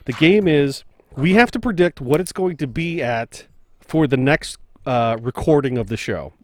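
A man's voice: a little high, expressive, moderate pace, dry recording. A man co-hosting a show with casual, playful banter and informal, slangy talk.

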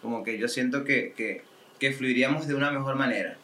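A man's voice: medium pitch, brisk, bright, forceful tone. A man, co-hosting a casual podcast and chatting reflectively, often restarting his sentences. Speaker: podcast co-host. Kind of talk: casual chat.

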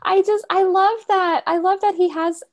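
A woman co-hosting a casual movie podcast, rambling with halting restarts and bursts of excitement. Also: extremely high pitch. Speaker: podcast co-host. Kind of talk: casual chat about a movie.

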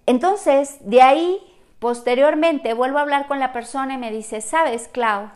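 A woman's fairly high voice carries a motivational monologue with a spiritual bent. She preaches, asks rhetorical questions and repeats key words for emphasis. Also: normal speed, a little mellow. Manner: emphatic repetition. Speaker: spiritual speaker.

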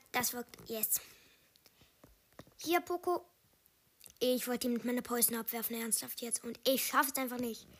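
A woman giving live gameplay commentary, excitable and loud in bursts, slipping in English gamer slang and dropping to quiet asides. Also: on the high side, slightly rough. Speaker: gaming video host.

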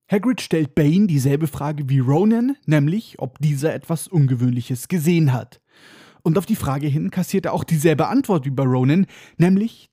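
A man's voice: a little high, dark tone, dry recording, studio quality. A man hosting a casual book podcast, recapping chapters with sarcastic, irreverent asides. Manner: sarcastic, irreverent, mock-dramatic. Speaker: podcast host.

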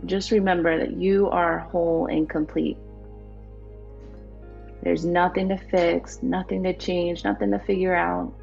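Woman, yoga teacher, slow soothing guidance, slightly low pitch, lo-fi sound. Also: level tone, gravelly. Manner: slow, soothing, gentle instructions. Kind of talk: guided yoga cool-down. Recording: dull lo-fi with faint music. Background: soft background music.

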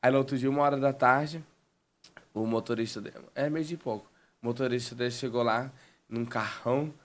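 A man's voice: mid-range voice, brisk. A man telling a long personal story in casual chat, rambling and restarting his sentences often. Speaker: guest.

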